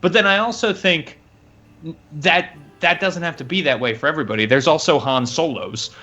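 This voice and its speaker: A man's voice: on the high side, normal speed, pushed and bright, highs cut off. A man chatting casually on a live show, thoughtful and hesitant with fillers.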